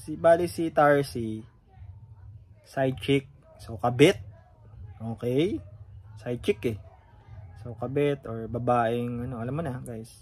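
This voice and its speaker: A man's voice: mid-range voice, takes it slowly, pauses often, a little mellow, breathy edge. A man talking casually to his viewers as he reacts to a song, often asking them questions and swearing in surprise.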